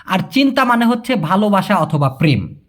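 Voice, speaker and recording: A young man from Bangladesh teaching Malay in a casual way, answering viewer questions, chatty and repeating key words slowly. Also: high voice, big pitch swings, a bit bright. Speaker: language teacher.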